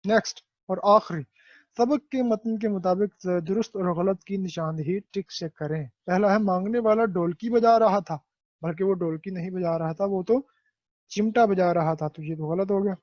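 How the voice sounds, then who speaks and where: A male teacher with a Pakistani Urdu accent, explaining a textbook exercise and repeating words slowly so students learn how to say them. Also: sits high, darkish tone, dry recording, dull audio. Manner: asks and answers his own questions.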